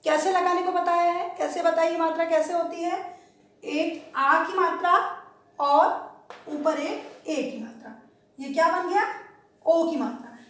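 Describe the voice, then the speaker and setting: A woman teaching young children a lesson in a classroom, patiently asking questions and then answering them herself. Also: very high-pitched. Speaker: primary school teacher. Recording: very echoey room, voice from a distance.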